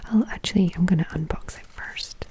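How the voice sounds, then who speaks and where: A woman whispering softly and breathily in a slow, gentle, chatty ASMR style, with crinkling packaging behind her. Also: fairly low pitch. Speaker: ASMR video host. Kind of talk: soft-spoken whispered ASMR. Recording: close mic with crinkling plastic packaging. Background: crinkling packaging sounds.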